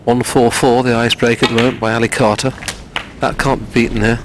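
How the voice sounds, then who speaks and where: A man giving hushed, conversational snooker commentary as a co-commentator. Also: mid-range voice, level tone, quick pace. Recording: clear background noise.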